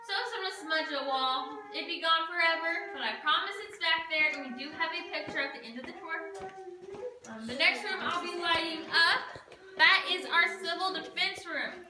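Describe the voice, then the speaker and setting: Woman, very high-pitched, cave tour guide, narrating to visitors, cave echo, distant from mic. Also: moderate pace, a crowd in the background. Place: inside a show cave. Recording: echoey cave, off-mic, faint noise.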